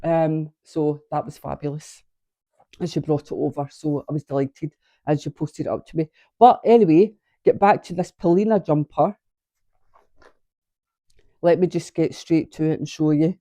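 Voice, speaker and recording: A woman's low-pitched, mellow voice comes through a dry recording at a moderate pace with fairly even intonation. Filming her knitting vlog at home on a tripod camera, she's a little congested from sinus trouble and talks casually, rambling and breaking off mid-sentence.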